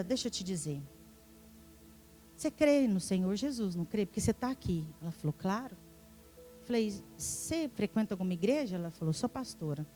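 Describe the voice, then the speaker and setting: A high-pitched, quick-talking middle-aged woman preaches from a church pulpit. She acts out every exchange with lively energy and now and then sinks to a hushed voice. Soft music plays faintly behind her. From Minas Gerais, Brazil. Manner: animated storyteller acting out dialogue, drops to hushed tones. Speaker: apostle and preacher. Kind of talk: storytelling sermon. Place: church sanctuary.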